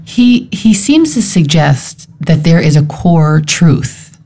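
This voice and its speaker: A woman's voice: deep voice, very animated, slow, mellow. A woman leading a Torah study discussion, thinking aloud in a searching, thoughtful way. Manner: thoughtful, searching, restarts while reasoning aloud.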